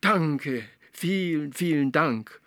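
A man's voice: on the high side, animated, very slow, fairly bright tone, no echo, studio quality, pitched above the performer's own voice, full character voice. A man voicing a small, anxious male frog who stutters and pleads. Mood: grateful.

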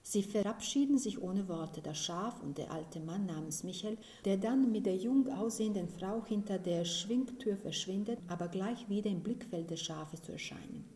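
A woman, the author, reading her own story aloud in a calm, measured way. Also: mid-range voice. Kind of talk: literary reading. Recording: roomy reading recording.

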